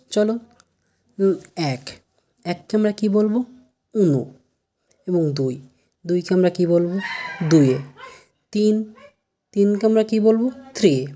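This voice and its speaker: A woman teaching a language lesson, asking a question and then answering it, repeating each word slowly. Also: mid-range voice, mellow. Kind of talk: slow spoken language lesson.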